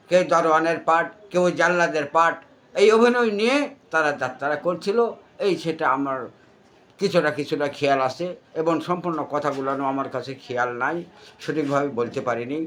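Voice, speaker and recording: A man's voice: on the high side, normal speed, a bit bright. A man in his sixties with a Bangladeshi accent, answering informally in an interview with wordy, repetitive explanations. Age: 60s. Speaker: interview guest recalling village folk theatre.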